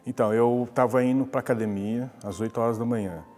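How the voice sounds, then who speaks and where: Telling a personal story during a casual interview, a man in his forties keeps breaking off and restarting. He speaks fairly quickly at a medium pitch, with fairly even intonation and a darkish tone. The setting is an indoor glass-walled lobby with the acoustics of a large hall.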